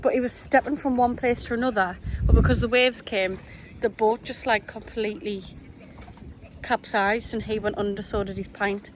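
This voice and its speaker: A woman's voice: fairly high pitch, steady tone, moderate pace. A woman chatting casually and rambling as she vlogs on a handheld camera. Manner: chatty, rambling, laughing asides. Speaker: vlogger. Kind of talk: casual vlog chat. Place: outdoors by a lake. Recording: outdoor noise.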